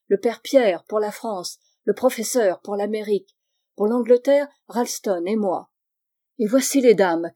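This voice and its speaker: A woman reading the part of an excited young Englishman who chatters and rambles in an audiobook. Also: medium pitch, lightly acted.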